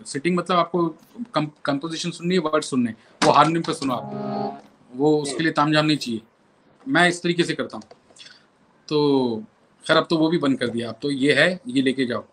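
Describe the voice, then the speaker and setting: A man's voice: medium pitch, fairly bright tone, a little hiss or hum. A male violinist and composer telling anecdotes as an interview guest, repeating phrases for emphasis.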